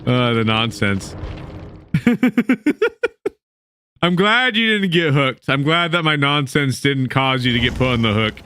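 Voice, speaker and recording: A man's voice: mid-range voice, animated, slow pace, bright, forceful tone, a little hiss or hum. A young man chatting casually with his viewers while streaming a game, laughing often as he talks. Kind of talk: casual gaming stream chat.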